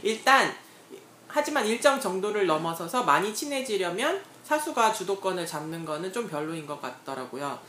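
A woman guest on a chatty podcast, talking in a middle-pitched, unhurried voice. The room is echoey, with faint noise behind her. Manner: listens with steady murmurs, reads a letter aloud. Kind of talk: casual chat.

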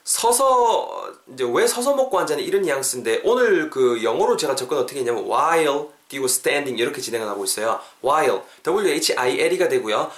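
A man, hosting a podcast English lesson and repeating phrases slowly for listeners to drill. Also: medium pitch, roomy sound. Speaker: English teacher, podcast host.

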